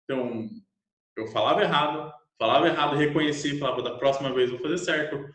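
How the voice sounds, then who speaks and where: A young Brazilian man, an English teacher, telling a lively self-mocking personal story in casual Portuguese. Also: on the high side, fast talker. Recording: echoey room.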